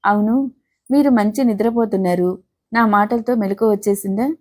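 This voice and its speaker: A woman's voice: mid-range voice, normal speed, darkish tone, natural voice. A woman voicing a playful, mischievous young wife who coaxes and teases her husband. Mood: teasing. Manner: coaxing, mischievous.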